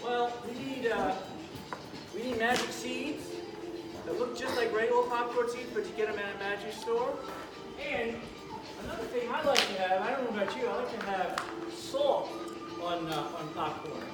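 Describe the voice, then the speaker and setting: A man doing kids party magician patter, recorded from a distance in an echoey room. He explains things simply and haltingly, talking to the children as he goes, while loud music plays behind him. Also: very high-pitched.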